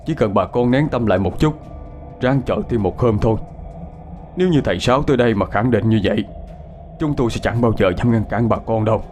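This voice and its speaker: A man's voice: fairly low pitch, fairly quick, a little mellow, soft background music, lightly acted. A man voicing a stern middle-aged village uncle who reasons with and scolds an angry crowd. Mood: reasoning. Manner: reasoning, then scolding a mob.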